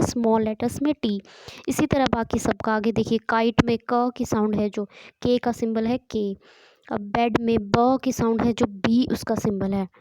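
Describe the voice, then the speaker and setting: An Indian woman with a slightly high, mellow voice teaches English sounds in a patient, step-by-step way. She repeats the key points as she explains. Her voice is recorded dry, with no room sound. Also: no echo, poor audio. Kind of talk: classroom lesson explanation.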